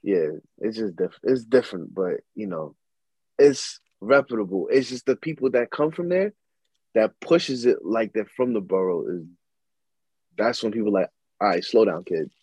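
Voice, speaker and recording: A young man talks in a relaxed, musing way, dropping slang in a casual chat. His voice is low and a little husky. The recording is dry, with no room echo. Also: moderate pace. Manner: laid-back, musing, slangy.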